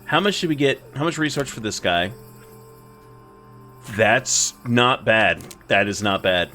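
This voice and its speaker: Lively man narrating his gameplay. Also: lowish voice, a little slow, faint music behind. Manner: chatty, talks to himself while playing. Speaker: gaming video host. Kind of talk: casual let's-play commentary.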